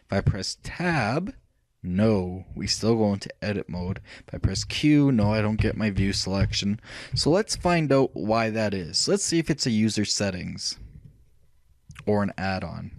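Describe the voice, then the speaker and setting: Casual rambling man demoing software. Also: on the low side, lively intonation, a little slow, no room sound. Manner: thinking aloud, rambling with fillers and self-corrections. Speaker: software tutorial host. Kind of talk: casual screen-recorded software walkthrough.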